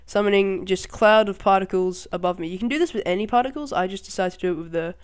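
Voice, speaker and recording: A channel host gives a casual game tutorial, excitable and loose, rambling with lots of fillers and often bursting into laughter or startled exclamations. He speaks quickly in a smooth, medium-pitched voice.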